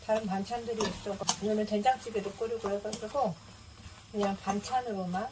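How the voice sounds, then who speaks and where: A woman casually narrates her home cooking as she goes, explaining in an easygoing way. Her medium-pitched voice is steady and a little fast. The kitchen is noisy with chopping and clicks.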